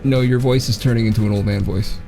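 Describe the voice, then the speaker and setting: A man with a fairly low voice hosts a casual live tech show. He talks in loose, rambling sentences and keeps up teasing banter with his co-host. Faint music plays softly behind him. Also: fairly even intonation, fast, gravelly.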